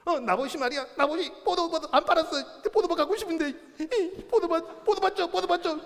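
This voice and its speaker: A man's voice: extremely high pitch, a little fast, vocal fry, fairly bright tone, voice pushed up, heavily acted. A man voicing a spoiled, petulant middle-aged king who pouts and whines like a child, during a sermon. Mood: whining. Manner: whiny, childish pouting. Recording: long reverb of a hall.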